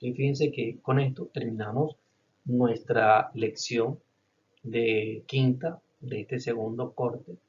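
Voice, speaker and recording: Male teacher giving a recorded lecture, animated, acts out examples; dull lo-fi sound with faint hiss. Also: medium pitch, slow pace. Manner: animated, acts out little scenes with a policeman's threats.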